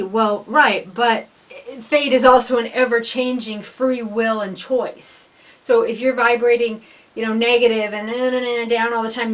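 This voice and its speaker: A woman's voice: on the high side, a bit bright, poor audio. A woman giving a casual, unscripted spiritual talk to viewers as a minister, rambling and earnest in a folksy way.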